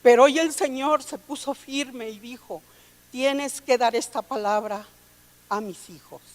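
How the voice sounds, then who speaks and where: Woman preaching, slow and a bit high, reads scripture out, long hall echo. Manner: reads scripture aloud, calls listeners brother and sister. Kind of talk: sermon with scripture reading.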